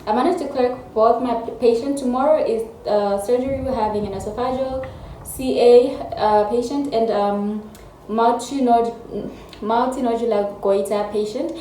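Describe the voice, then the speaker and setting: A woman's voice: a little high, fairly even intonation, moderate pace, warm tone, slight background noise. A woman in her twenties, a medical student, rambling in a casual vlog with many ums and restarts. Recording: echoey room, distant mic, faint ambience.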